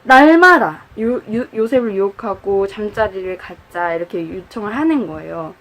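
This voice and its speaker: A woman preacher telling a Bible story to teenagers in a casual, animated way, briefly acting out the characters' lines. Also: on the high side, normal speed, rough recording. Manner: animated, acts out quoted lines. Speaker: youth pastor. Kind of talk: youth sermon storytelling. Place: church, indoors.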